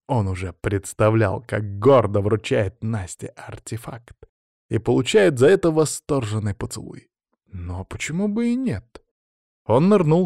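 A man's voice: on the low side, no echo. Man narrating an audiobook, dry close voice. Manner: steady, measured storytelling. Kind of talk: scripted narration.

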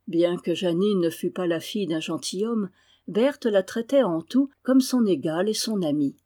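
A woman's voice: on the low side, warm tone. Woman reading a classic novel aloud. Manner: measured reading, voicing dialogue with rising emotion. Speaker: audiobook reader. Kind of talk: scripted narration of a classic novel.

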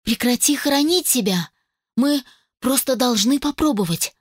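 A woman's voice: high voice, lively intonation, normal speed, slightly rough, no room sound, studio quality, voice pushed up. A woman voicing a stubborn young woman in love, speaking in a pleading, insistent way.

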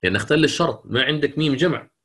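A middle-aged man teaching the rules of Quran recitation, explaining patiently, reciting words slowly and checking that students follow. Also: fairly high pitch, lively intonation, fairly bright tone, husky. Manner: closes with a long supplication. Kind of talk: lecture on Quranic reading rules.

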